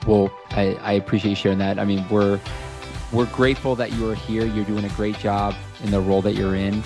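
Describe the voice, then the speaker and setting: Deep gravelly male podcast host. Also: flat delivery, brisk, over music. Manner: appreciative, with some stammered restarts. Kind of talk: podcast interview.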